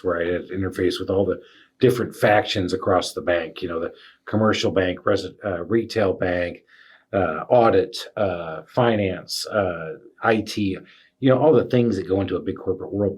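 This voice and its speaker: A man telling his own workplace stories as a podcast host, animated and full of fillers. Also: deep voice, moderate pace, slightly rough. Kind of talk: casual storytelling chat.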